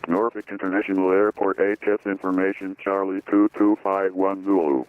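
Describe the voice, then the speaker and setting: A man's voice in an airport weather broadcast, heard over an aircraft radio as a flat, repeating recorded readout of weather figures. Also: deep voice, brisk, clean tone. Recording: tinny dry radio channel.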